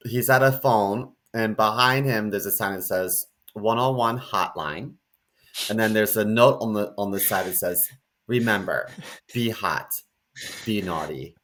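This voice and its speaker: A man's voice: lowish voice, fairly bright tone. A man co-hosting a podcast, retelling cartoon memories in a rambling, joking way with crude humor. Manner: rambling storyteller, crude jokes. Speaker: podcast co-host. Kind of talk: casual chat.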